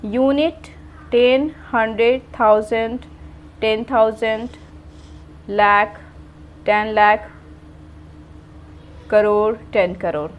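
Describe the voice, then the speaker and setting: A woman's voice: on the high side, fairly even intonation, drawn-out words, pauses often, lo-fi sound. A woman teaching a math lesson, patiently counting out number places and asking questions before she answers them. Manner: patient, repeats and asks herself questions.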